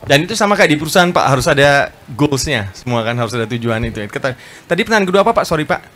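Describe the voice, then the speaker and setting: A man speaking to an audience at a book talk, lively and chatty, acting out quoted voices and often addressing listeners politely. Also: mid-range voice. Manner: animated, fast, acts out quoted voices, often adds "Pak". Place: bookstore event space.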